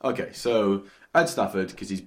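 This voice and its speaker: A man's voice: on the low side, normal speed. A man in casual, jokey conversation, swearing freely and cutting in on his guest. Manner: jokey, swears casually, talks over the other. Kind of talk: casual chat.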